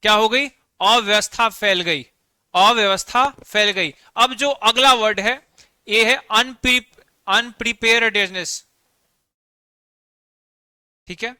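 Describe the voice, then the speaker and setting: A man's voice: sits high, slow, pauses often, bright, forceful tone, clear, resonant tone, no echo, clean studio sound. A man teaching a vocabulary lesson online, explaining words with everyday examples and often checking in with the class. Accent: Bihari Hindi.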